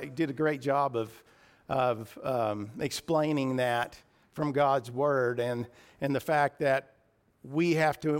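Frequently clearing his throat, a raspy-voiced man of medium pitch delivers a church sermon. His tone is sincere, with a touch of emotion.

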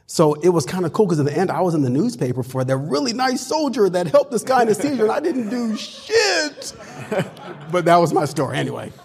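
A man who is a military physician telling a story in an excitable way, laughing as he goes. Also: a little high, fast talker, vocal fry, few pauses, husky, big-room sound. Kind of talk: live storytelling.

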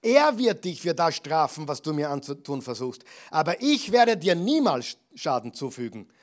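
Ein Mann, der David als jungen Krieger spricht, ernst und eindringlich, der seine Unschuld beteuert. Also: male voice, a little high, big pitch swings, normal speed. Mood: pleading. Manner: earnest, raised and emphatic. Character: young warrior David pleading his innocence, man.

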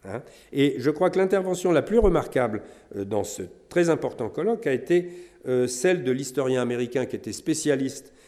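A middle-aged man from France giving a measured academic lecture, pausing often with fillers. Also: mid-range voice, lively intonation, dark tone. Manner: measured, many hesitations with euh and hein. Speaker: historian lecturer.

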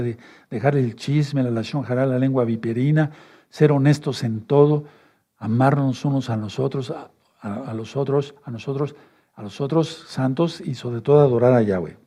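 A man delivers a teaching sermon, repeating key phrases and checking in with his listeners again and again. His voice is dark and somewhat husky. He tells the congregation to take notes. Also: medium pitch. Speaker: preacher.

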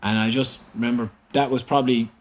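A man's voice: medium pitch, brisk. An Irish man, an interview guest, recounting a personal story in conversation and acting out what people said. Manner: animated, quotes dialogue as he recounts.

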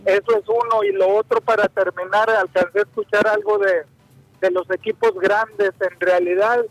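A man phones in to a sports radio show to share a casual opinion, chatting hesitantly with fillers and restarts. His voice sits high with fairly even intonation at a moderate pace, heard over a phone line with no room sound and faint music behind.

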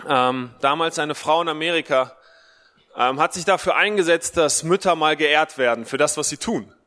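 This conversational Mother's Day sermon, streamed live, comes from a preacher whose voice sits on the high side with a sharp tone and normal speed. Raised in a Russian-German family in Germany, he has a speech impediment that leaves his R unrolled. He repeats brief phrases for emphasis as long hall reverb trails behind.

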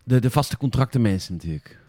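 A man's voice: medium pitch, animated, fast, warm tone, no echo, clean studio sound. A man hosting a gaming podcast in casual chat, teasing and joking with his co-host. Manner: teasing, jokey.

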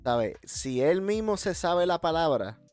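A man's voice: fairly high pitch, sing-song, unhurried, a little mellow, clean tone, faint music behind. A man co-hosting a podcast, chatting about faith and often checking in with his partner. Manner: conversational, checks in with listeners. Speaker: podcast co-host. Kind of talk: casual faith talk.

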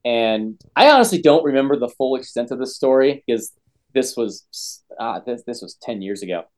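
A man's voice: medium pitch, lively intonation, moderate pace. A man co-hosting a podcast, telling a story in a plain, casual way with fillers. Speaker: podcast co-host.

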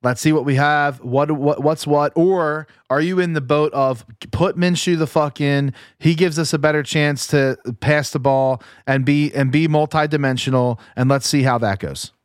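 A man's voice: fairly high pitch, steady tone, normal speed, few pauses, smooth, no echo, studio quality. A man talking heatedly and profanely as a sports podcast co-host. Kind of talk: casual sports chat.

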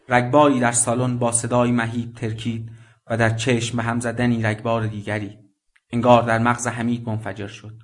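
A man reading a literary story as a radio narrator, measured and deliberate. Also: medium pitch. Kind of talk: scripted narration.

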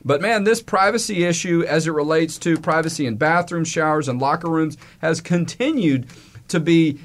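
A talk show host with a fairly high voice speaks at normal speed into a radio studio microphone. The interview is casual, and he keeps it friendly, chatty and folksy.

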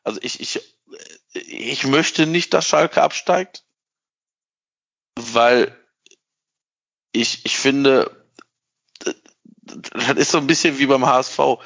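A man chatting casually about football with friends, lively and joking. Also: mid-range voice. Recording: dull lo-fi sound.

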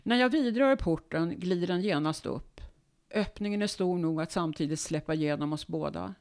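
Woman reading her memoir calmly. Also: lowish voice. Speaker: guest author.

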